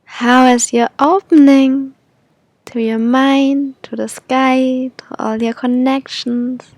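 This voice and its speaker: A woman leading a guided meditation in an airy, breathy, soothing manner, like a spiritual healer. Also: sits high, fairly even intonation, takes it slowly, a little mellow, no room sound.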